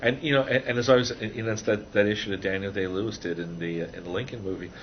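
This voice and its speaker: An older man with a fairly low voice talks through a casual interview, circling back with fillers and restarts as he explains his ideas. The recording is a little dull, with a faint hiss behind him. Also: fast. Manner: rambling, many restarts and fillers. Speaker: interviewee, author of a book on computer animation. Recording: dull, slightly noisy recording.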